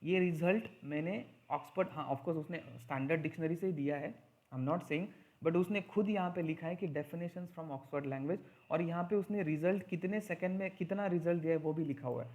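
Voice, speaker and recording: A man teaching an English grammar lesson in Hindi mixed with English, slowing down to stress key points. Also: fairly high pitch, a little mellow.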